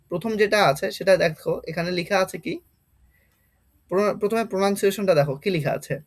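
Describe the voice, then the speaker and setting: High-pitched guy teaching exam vocab, says each word over and over slowly. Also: a little hiss or hum. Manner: explains patiently, repeats words slowly to drill pronunciation. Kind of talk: exam-prep vocabulary lesson.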